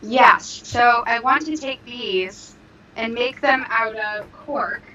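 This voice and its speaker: A woman's voice: a little high, slow pace, noisy background. A woman co-hosting a casual livestream chat, easygoing and chatty, her voice echoey over a remote call. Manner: easygoing, chatty, with soft laughs. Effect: echoey sound reported by viewers. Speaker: livestream co-host, crafter. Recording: echoey, dull online call audio.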